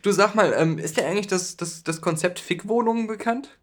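A man co-hosts a casual comedy podcast, joking, giggling and often laughing as he reads forum posts aloud. His voice is high-pitched and a little fast.

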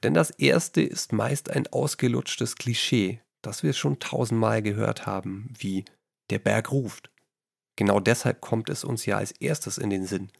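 A man's voice: lowish voice, unhurried, vocal fry, few pauses, dry recording, clean studio sound. A man hosting a creative-writing podcast, giving scripted tips straight to the listener. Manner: addresses the listener directly with instructive tips.

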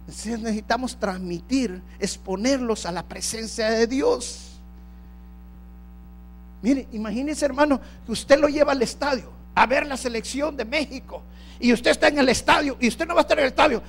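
High-voiced pastor preaching. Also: male voice, normal speed, faint music behind. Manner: impassioned preaching, swings from hushed to shouting. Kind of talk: sermon.

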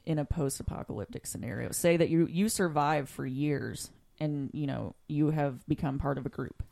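Host, mid-range voice, rambling, filler-heavy, animated. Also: medium pitch, normal speed, gravelly. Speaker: podcast host. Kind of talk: casual chat.

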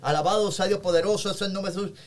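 A man's voice: sits high, steady tone, quick pace, a loud crowd. A man, an evangelist guest, giving a fervent testimony in a podcast interview and constantly breaking in with short praise phrases.

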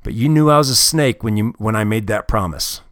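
A man's voice: fairly low pitch, animated, a little fast, fairly bright tone, no echo, clean studio sound. A man telling a fable, putting on a sly, promise-breaking snake. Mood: coaxing. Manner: coaxing, then smug.

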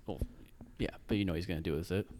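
Fast-talking low-voiced man. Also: steady tone, darkish tone, slight background noise. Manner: quick reactive interjections. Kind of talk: casual podcast chat.

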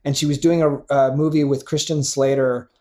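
Middle-aged male co-host, chatty and animated, swears casually, wanders mid-thought. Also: medium pitch, a little fast. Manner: animated, profane, rambling with fillers. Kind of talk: casual chat about music.

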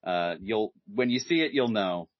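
A man hosting a podcast in casual chat, animated and hesitant with many fillers, laughing easily. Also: on the low side, moderate pace, no room sound. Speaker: podcast host. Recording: dull lo-fi sound, dry.

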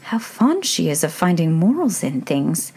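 A woman voicing a polite, curious young girl who speaks earnestly and a little higher than her own voice. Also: very animated, a little slow, dark tone, slightly rough, full character voice.

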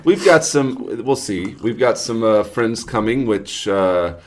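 A man co-hosting a podcast who talks casually and haltingly, often restarting his sentences. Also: fairly low pitch, lively intonation, a little hiss or hum. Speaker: podcast co-host. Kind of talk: casual chat.

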